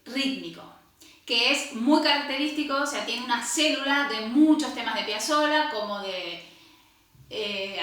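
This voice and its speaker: A woman teaching double bass, explaining patiently, singing rhythms with syllables and counting aloud. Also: sharp tone. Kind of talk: instructional music lesson. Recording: very echoey room.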